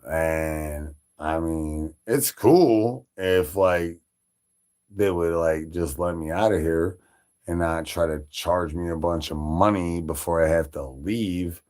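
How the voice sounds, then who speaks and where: A man from Chicago chatting loosely on a livestream, profane and rambling, with plenty of fillers and shout-outs. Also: sits low, slow. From Chicago, Illinois. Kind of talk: rambling casual stream chat.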